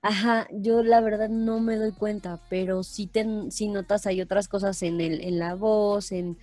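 A woman's voice: mid-range voice, steady tone, unhurried, mellow. A woman, co-hosting a podcast in casual chat, thoughtful with hesitant restarts. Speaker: podcast co-host. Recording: faint music behind.

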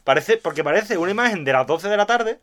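A man from tells a rambling funny anecdote in a relaxed chat. He acts out every line of dialogue in his story and often breaks into laughter. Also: sits high, quick pace. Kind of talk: casual comic storytelling.

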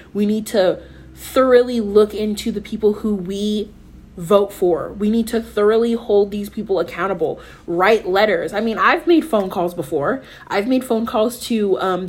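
A woman's voice: medium pitch, a little mellow. Give me an emphatic American woman podcaster. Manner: emphatic, profane, speaks in repeated rallying phrases. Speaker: podcast co-host. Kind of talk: casual, impassioned podcast talk.

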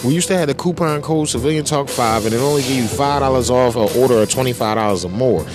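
A man's voice: medium pitch, fast, over music. An American man hosting a talk show, speaking in casual, emphatic, slangy and profane monologue.

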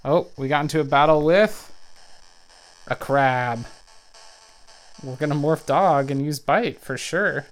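A man with a slightly high voice talks at a slow pace, pausing often, over faint music in a low-quality recording. He's a let's play gamer excitedly narrating his video game, announcing every move and health number.

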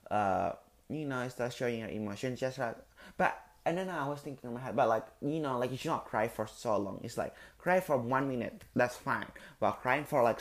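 Gravelly-voiced man ranting on a podcast. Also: medium pitch. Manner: emphatic, profane, rambling with many fillers. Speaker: podcast host. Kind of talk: casual solo podcast monologue.

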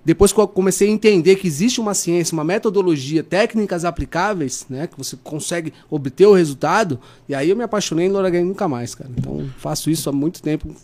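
A man's voice: fairly high pitch, quick pace, hardly any pauses, darkish tone. A man with a Brazilian Portuguese accent, a podcast guest chatting casually in an informal, slangy, earnest way. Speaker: podcast guest, lie-detection expert. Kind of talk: casual chat.

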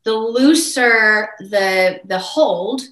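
Speaking extremely slowly, a mezzo-voiced woman explains vocal technique as a voice teacher guest in an interview, echo filling the room. Her manner stays animated and demonstrative, with pitch shifts to make her points.

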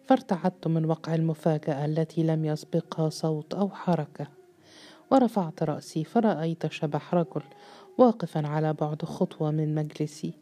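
Woman reading a novel aloud, low pitch, really dark mellow voice, measured. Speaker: audiobook narrator.

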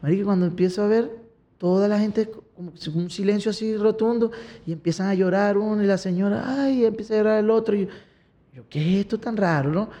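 A man's voice: sits high, fast talker. A young man with a Venezuelan accent, a singer-songwriter telling stories animatedly in a casual interview. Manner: animated storyteller. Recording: dull lo-fi recording.

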